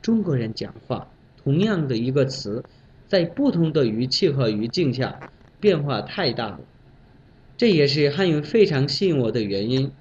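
Animated foreign man speaking Mandarin, dull recording. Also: medium pitch, moderate pace, a little hiss or hum. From Bangladesh. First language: foreigner speaking Mandarin as a second language. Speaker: foreign learner presenting a language talk. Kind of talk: prepared talk with anecdotes. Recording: dull, lo-fi sound.

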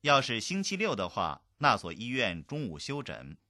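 A voice reading lesson phrases aloud slowly for learners to repeat. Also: medium pitch, huge pitch swings, bright, forceful tone, no echo, studio quality. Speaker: model reader of phrases. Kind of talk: slow drill repetition.

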